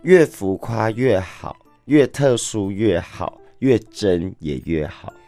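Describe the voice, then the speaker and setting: A man with a husky, smoky voice, answering interview questions in a languid, lazy way. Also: fairly low pitch, animated, takes it slowly, mellow, faint music behind. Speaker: guest, drag queen performer.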